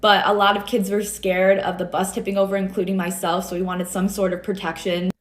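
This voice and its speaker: A woman's voice: medium pitch, flat delivery, brisk. A young woman from the United States telling a school story in a chatty, wry way. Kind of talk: casual storytime. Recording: roomy echo.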